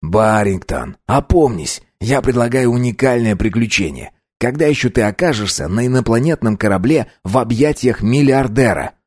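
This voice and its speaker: A man's voice: medium pitch, animated, normal speed, hardly any pauses, darkish tone, no echo, close to an everyday voice. A man voicing a brash young heir, full of himself and teasing, pushing his offers with a smug, playful tone. The voice stays close to the narrator's own, dry and close to the mic.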